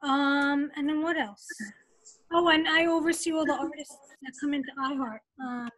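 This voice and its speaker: A woman, a radio voiceover artist, chatting in an animated way on a video call. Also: sits high, normal speed. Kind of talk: casual chat.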